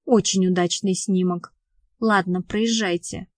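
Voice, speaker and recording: A man's voice: high-pitched, fairly even intonation, measured pace, no room sound, studio quality. A woman doing a curt, grumbling traffic cop. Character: lazy, gruff male traffic cop.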